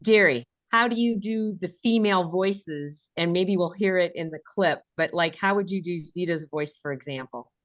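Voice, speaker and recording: Man slightly high-voiced on a video call. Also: normal speed, hardly any pauses, no echo. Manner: hesitant, unsure with the software. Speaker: author. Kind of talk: casual talk on a video call.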